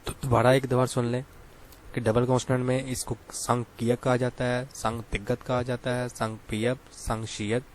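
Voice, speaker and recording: A man's voice: mid-range voice, level tone, slight background noise. A man teaching Korean letters step by step, patiently repeating points and asking the listener questions. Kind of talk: explaining lesson.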